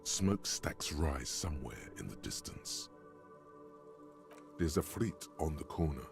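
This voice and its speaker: A man voicing a brooding game narrator who speaks in measured, grim second person. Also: very animated, exaggerated voice. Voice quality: deep, gravelly. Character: brooding gravelly adult male game narrator. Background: game music.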